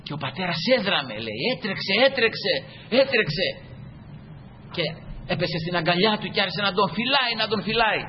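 A man's voice: high voice, lively intonation, a little hiss or hum. A man preaching a sermon emphatically, again and again calling out to the brothers. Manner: emphatic, constantly addresses the brothers. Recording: dull echoey hall recording.

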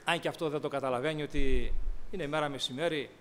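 Male preacher with a high voice, sermon delivery, rhetorical questions, shifts between loud emphasis and quiet asides. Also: fairly even intonation, slight background noise.

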